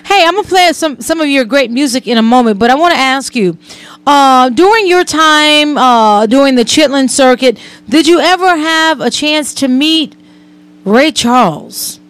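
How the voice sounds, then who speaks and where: A woman's voice: high voice, expressive, moderate pace, no echo. A woman hosting a radio interview, chatty and hedging as she tells a story. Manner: chatty, repeats hedging words. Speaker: radio host. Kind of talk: casual interview.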